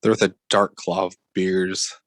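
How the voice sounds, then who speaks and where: A man's voice: sits low, flat delivery, takes it slowly. A man co-hosting a casual podcast, stuffy and under the weather, making dry joking asides. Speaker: podcast co-host.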